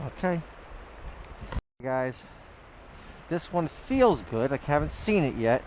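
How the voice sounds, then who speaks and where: A man's voice: a little high, slow pace, a little hiss or hum, low-quality recording. A man fishing in a cold creek, talking through a face mask that muffles his voice, chuckling as he chats to viewers. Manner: excited, chuckling, talks to viewers as he fishes. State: cold, frozen. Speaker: fly-fishing vlogger. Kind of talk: casual running commentary while fishing. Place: outdoors, wading in a creek. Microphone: body or handheld camera.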